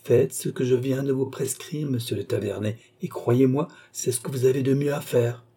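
A grave, composed doctor speaks in calm, measured, gentle tones, as a male audiobook reader puts him on. The voice is mellow and a little husky. It sounds like a storybook reading. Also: medium pitch.

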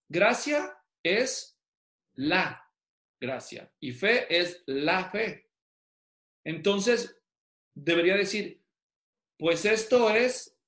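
Male Bible teacher, higher voice, explains step by step and quizzes the room; echoey hall. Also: a bit bright. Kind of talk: Bible study lecture.

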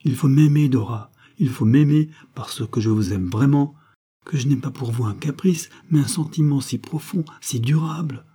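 A man's voice: medium pitch, normal speed, mellow, husky, voice pushed up, lightly acted. A man voicing an earnest, lovesick young man who pleads his love. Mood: pleading. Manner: pleading, insistent.

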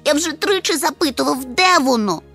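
A woman's voice: lively intonation, moderate pace, bright, forceful tone, faint music behind, heavily acted. A woman voicing a small, anxious male creature who whines and pleads, in an audiobook. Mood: pleading. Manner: whiny, high and pleading. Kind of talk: audiobook character voice.

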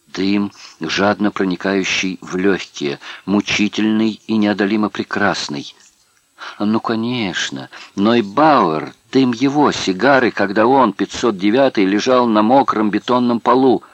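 Male narrator for an audiobook, very deep voice, measured delivery, dry close sound. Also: no echo, highs cut off.

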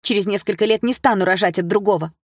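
A woman's voice: medium pitch, quick pace, dry recording, studio quality, pitched above the performer's own voice, natural voice. A woman voicing a hurt teenage girl who speaks sharply and with bitter irony. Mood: hurt defiant.

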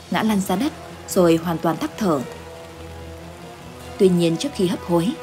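A woman narrates a ghost story in a measured, dramatic way. Her voice sits on the low side. Soft music plays faintly underneath.

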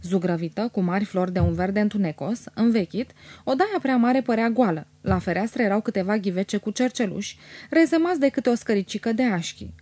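A woman narrates a classic novel in an even, measured manner. Her voice sits at a middle pitch. The studio sound is dry and close. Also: no room sound. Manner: measured, descriptive. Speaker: audiobook narrator. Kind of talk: scripted literary narration.

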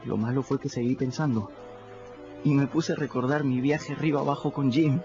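Steady in tone and moderate in pace, a man narrates a radio drama in first person, voicing a boy. His manner is earnest and reflective, rising in pitch whenever he's stirred. Music accompanies the muffled radio audio.

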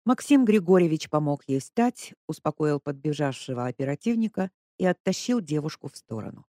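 Expressive audiobook narrator, dry sound. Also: mid-range voice, fairly quick, dry recording. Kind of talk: scripted narration.

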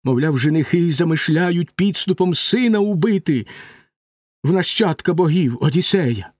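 A man voicing a grieving middle-aged queen in a lamenting verse reading, raised high above his own voice. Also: animated, moderate pace, darkish tone, no echo, clean studio sound.

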